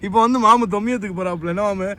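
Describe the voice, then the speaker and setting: High-voiced young man hurrying friends. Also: racing, over a noisy crowd. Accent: Ramanathapuram Tamil. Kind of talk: casual chat with friends. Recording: crowded with voices.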